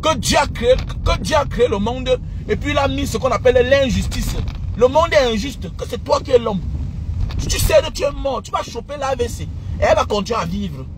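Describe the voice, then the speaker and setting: Middle-aged man, vlogger lecturing listeners; very high, lively voice, pushes his points and repeats them, faint traffic behind. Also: brisk. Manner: emphatic, lecturing, repeats phrases, bursts of shouting. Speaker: vlogger giving life advice. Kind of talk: casual preachy monologue.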